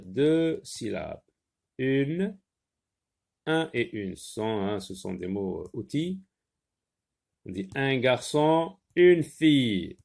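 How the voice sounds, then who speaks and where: Slow, gravelly man teaching spelling. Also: mid-range voice, darkish tone. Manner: slow, patient, spells words letter by letter. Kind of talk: spelling and reading lesson.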